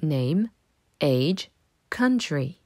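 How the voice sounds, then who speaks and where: A woman teaches a recorded language lesson, patiently repeating words for the listener. Her voice is lowish but moves a lot in pitch. The recording is close and dry. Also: big pitch swings, very slow, mellow, dry recording. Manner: patient, drills words with repetition. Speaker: English teacher.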